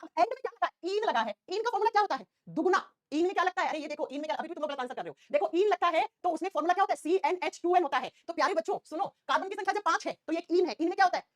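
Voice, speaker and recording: A woman's voice: extremely high pitch, expressive, rapid-fire, hardly any pauses, no echo, studio quality. A woman teacher giving an online class, constantly questioning her students and answering herself.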